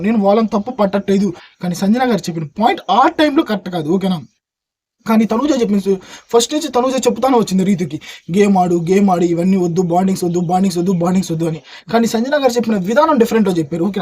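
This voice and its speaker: A man reviewing a reality show in casual, animated chat, speaking to viewers like friends. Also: high-pitched, husky. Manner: animated, addresses viewers as buddies.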